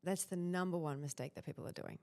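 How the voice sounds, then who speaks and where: Speaking quickly in a fairly low voice, this Australian-accented woman in her thirties appears as a podcast guest on personal branding. The interview chat is casual, and she comes across as confident and direct, with lively storytelling.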